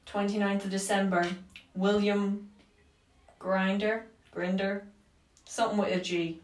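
A woman's voice: medium pitch, little pitch movement, normal speed, a little mellow. A young woman hosting a casual podcast, rambling and joking through her notes with frequent swearing. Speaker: podcast host. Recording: echoey room, mic at a distance.

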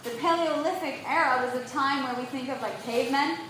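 High-voiced woman lecturing in an echoey room. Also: a little fast, a little hiss or hum. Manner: keeps checking in with "right?"; emphatic and animated. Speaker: nutrition speaker. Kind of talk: live lecture to an audience.

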